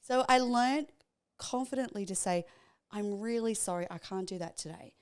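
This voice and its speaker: A woman's voice: medium pitch, moderate pace, clear, resonant tone. A woman guest in casual conversation, telling a story and acting out the voices of the people in it. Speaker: podcast guest. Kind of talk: casual chat.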